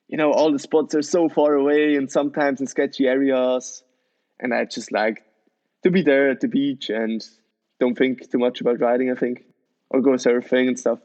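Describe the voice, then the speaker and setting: A man's voice: medium pitch, a little mellow, lo-fi sound. A young man in his twenties, a BMX rider guest, chatting loosely about himself with slightly phrasing. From Switzerland. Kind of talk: casual interview.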